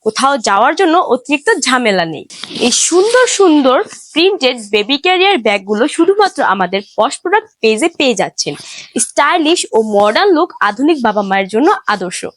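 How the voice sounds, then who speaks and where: A woman voicing a product advertisement, her voice high and bouncing through a wide, lively range. She delivers an upbeat sales pitch in a dry, close recording. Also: fast talker, dry recording. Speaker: ad voice-over. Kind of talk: scripted product ad.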